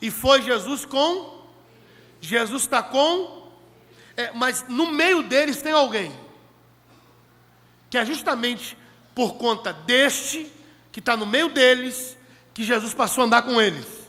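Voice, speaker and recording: A male preacher with a very high, sharp, ringing voice delivers an emphatic sermon and hammers home key phrases. His words carry a long reverb from a large meeting hall, picked up through a stage microphone. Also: animated, slow pace, long pauses.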